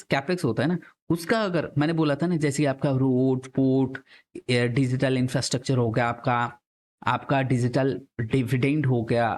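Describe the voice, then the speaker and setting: A young man leads an exam-prep lecture in a casual, talkative way, speaking at an ordinary middle pitch. He often drops English terms into his explanations and keeps checking in with his students through rhetorical questions. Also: a little mellow. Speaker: exam coaching teacher. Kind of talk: classroom lecture.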